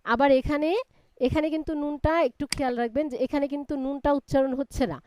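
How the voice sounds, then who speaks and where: A woman's voice: high voice, fairly even intonation, fast talker, dark tone, a little hiss or hum. A woman teaching a live Quran reading class, spelling out letters one by one and patiently explaining the reading rules.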